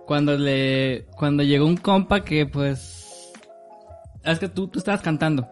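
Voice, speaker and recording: A man's voice: on the high side, a little slow, soft background music. A young man with a Mexican accent, co-hosting a podcast and chatting casually and jokingly with friends. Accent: Mexican Spanish. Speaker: podcast co-host. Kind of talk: casual chat among friends.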